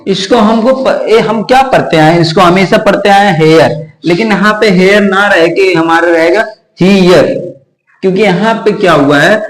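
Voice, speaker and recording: A man's voice: high-pitched, a bit bright. A man teaching English pronunciation, spelling words out letter by letter and answering his own rhetorical questions. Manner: slow, repetitive explaining. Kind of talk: classroom-style lesson. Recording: echoey room.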